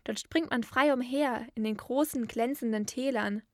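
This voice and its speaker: A woman's voice: on the high side, moderate pace, a little mellow, no echo, close to an everyday voice. A woman voicing a tethered reindeer, proud and longing for its snowy home, in a storybook reading. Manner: wistful, boastful.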